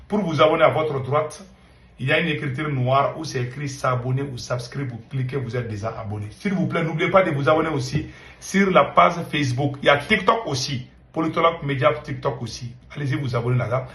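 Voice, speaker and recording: In an echoey room, a man who hosts an online political news channel talks to viewers in a mid-range, fairly bright voice, a little fast. His excited commentary is emphatic and urgent, and he repeats himself.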